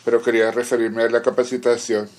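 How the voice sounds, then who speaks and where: A male conference interpreter delivers formal simultaneous interpretation in short, measured phrases broken by halting pauses. His voice sits in the mid-range with a level, slightly mellow tone, and there is a little hiss or hum.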